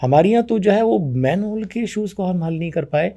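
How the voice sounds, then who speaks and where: A man giving an interview, arguing forcefully and acting out both sides of past conversations. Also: high voice, expressive. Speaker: guest.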